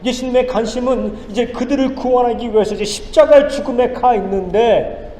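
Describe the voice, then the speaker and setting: High-voiced preacher in an echoey hall. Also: male voice, a little fast. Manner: emphatic, rhetorical questions, dramatic swings in loudness. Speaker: pastor. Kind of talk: sermon. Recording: echoey church hall with faint ambience.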